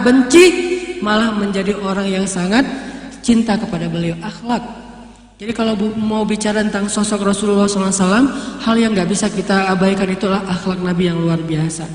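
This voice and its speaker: A man with a very high voice gives a relaxed sermon to young people. He tells his stories playfully and slips into different voices for the dialogue. The sound comes from an echoey hall with a long reverb. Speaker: preacher. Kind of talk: casual youth sermon.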